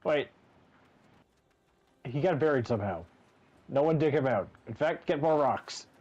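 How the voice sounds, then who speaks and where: A man's voice: mid-range voice, expressive, measured pace, a little mellow, muffled recording. A man bantering casually and jokingly over a game.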